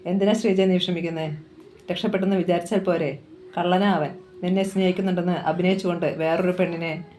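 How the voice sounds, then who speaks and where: A gentle, protective man who speaks with a calm, soothing and reassuring manner, read by a storyteller in an audiobook novel. He speaks at a middling pitch. A faint hiss of background noise sits under the voice. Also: a little fast, natural voice. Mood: coaxing. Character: gentle protective married man, older-brother figure.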